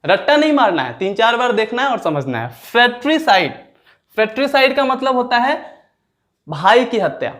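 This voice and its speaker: A man teaching an exam vocabulary lesson, repeating each word slowly and drawing it out as he checks that his students understand. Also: very high-pitched, sing-song, a bit bright. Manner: asks students questions and checks their understanding.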